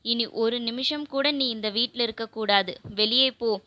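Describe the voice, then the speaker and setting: A woman's voice: on the high side, a little slow, bright, forceful tone, no room sound. A woman voicing a grieving, furious middle-aged mother who scolds and laments.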